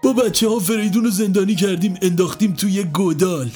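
A man's voice: high voice, warm tone, soft background music, pitched above the performer's own voice, natural voice. A man voicing a possessed old man who talks like a cruel child under hypnosis, with a gleeful, childlike manner. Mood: childish, sinister.

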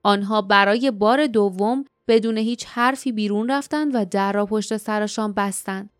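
A woman narrates an audiobook in studio-quality audio with no room sound. It's scripted narration, and she gives the dialogue light character voices, lifting her pitch for quoted lines.

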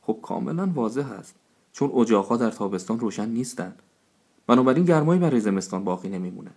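مردی در نقش رئیس شورای نادان و خودپسند. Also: male voice, mid-range voice, animated, darkish tone, slightly rough. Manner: self-satisfied, proclaiming. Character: foolish pompous male village council head. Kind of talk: storybook reading.

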